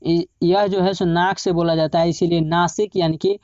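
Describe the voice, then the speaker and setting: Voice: mid-range voice, level tone, darkish tone, no echo. Grammar teacher, exam-prep lesson, repeats every point, asks then answers own questions, muffled lo-fi sound, dry close recording. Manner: draws out sounds slowly to demonstrate them.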